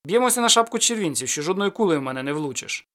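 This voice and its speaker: A man voicing a calm, teasing cossack sorcerer in an audiobook, raised and loud when he dares his guest. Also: high-pitched, fast. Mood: loud, daring.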